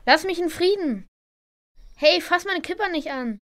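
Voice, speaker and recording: A bullied schoolboy in an amateur audio drama, acted out by a woman. The voice is high and clear, hurt and pleading, recorded close and dry. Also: moderate pace, no echo, close to an everyday voice. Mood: upset, defensive.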